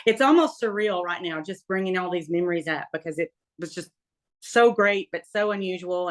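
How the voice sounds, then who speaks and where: A woman in her fifties from Tennessee with a Southern accent, chatting as an interview guest and telling stories with laughter. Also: fairly low pitch. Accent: Southern American. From Tennessee, USA. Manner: chatty, laughing, animated storyteller. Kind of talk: casual interview storytelling.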